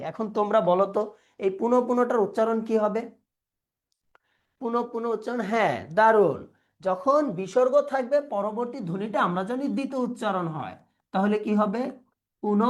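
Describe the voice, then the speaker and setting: Male teacher, online class over video call, slow repeated word drills, quizzing students. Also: sits high. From Bangladesh. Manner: slowly drills word pronunciations, repeating words; quizzes students and reads their chat replies.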